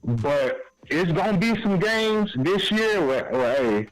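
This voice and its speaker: Slow-talking laid-back sports caller. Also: male voice, sits high, sing-song, poor audio. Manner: laid-back, folksy sayings. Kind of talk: casual sports call-in talk. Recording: phone-in call with music behind.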